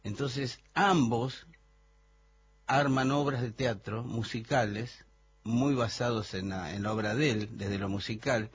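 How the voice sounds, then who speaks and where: A hoarse man from Buenos Aires with an Argentine Spanish accent, presenting music on a radio chat and explaining eagerly. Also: mid-range voice, unhurried. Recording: dull lo-fi radio with faint hum.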